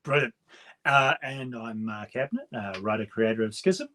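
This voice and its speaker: Kiwi guy with nz hosting a casual chat, mid-pitched voice. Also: lively intonation, normal speed, sharp tone. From New Zealand. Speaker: comic writer hosting a launch chat.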